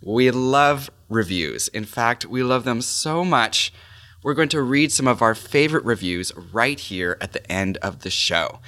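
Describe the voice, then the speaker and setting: A man hosting a podcast, chatty and teasing, his voice jumping up on excited words. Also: mid-range voice, measured pace, dry recording, clean studio sound. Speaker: podcast host. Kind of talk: casual podcast interview.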